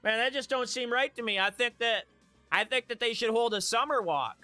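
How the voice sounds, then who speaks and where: High, bright-voiced chatty man streaming. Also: brisk, clean tone, no room sound, faint music behind. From Michigan. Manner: chatty, laughs at his own jokes. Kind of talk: live stream chat with viewers.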